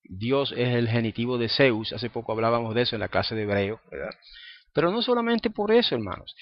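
A man's voice: medium pitch, no room sound. Conversational male preacher, muffled recording. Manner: conversational, asks the listeners "¿ah?" and "¿verdad?" often; chuckles between points. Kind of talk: informal sermon to a congregation.

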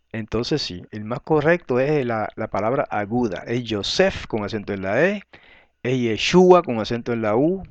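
Guy teaching bible study, smooth clear voice, chatty, keeps asking right?, clears his throat a lot. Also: medium pitch, dry recording, dull audio. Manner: conversational, tag questions, frequent throat clearing.

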